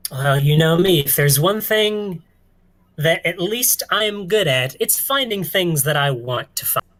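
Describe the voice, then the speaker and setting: Brief: player playing a cocky space-faring fixer woman, drawling, unhurried, tabletop game dialogue, slow pacing. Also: mid-range voice, expressive, fairly bright tone. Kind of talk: tabletop role-play dialogue.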